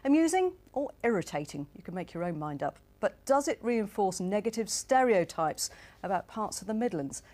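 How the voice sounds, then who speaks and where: Woman, news presenter, studio delivery, measured, conversational. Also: medium pitch, big pitch swings, mellow.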